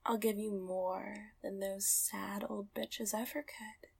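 A woman performing an intimate roleplay in soft, close whispers, often laughing quietly. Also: medium pitch, level tone, slow, creaky, slightly rough.

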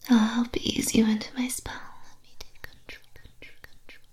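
A woman voicing a flirtatious witch hypnotist in an ASMR roleplay, whispering soft, repetitive coaxing. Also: fairly high pitch, flat delivery, normal speed, close to an everyday voice.

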